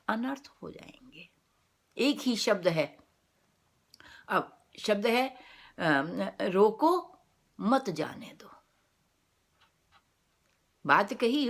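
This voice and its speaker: A woman's voice: fairly high pitch, fairly bright tone. A woman giving an academic lecture, explaining step by step and posing rhetorical questions that she answers herself.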